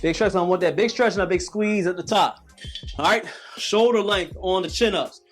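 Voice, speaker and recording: A man's voice: high-pitched, normal speed, soft background music. A man in his late thirties coaching a calisthenics workout with emphatic, preachy, repetitive cues. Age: 30s. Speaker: fitness coach.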